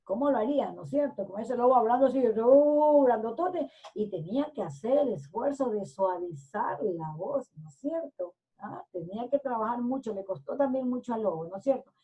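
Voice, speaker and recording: A woman's voice: a little high, expressive, a little fast, dark tone, dull audio. A woman teacher telling a storybook to children, stopping often to explain and to check that they follow. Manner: explains with frequent "¿no es cierto?" checks.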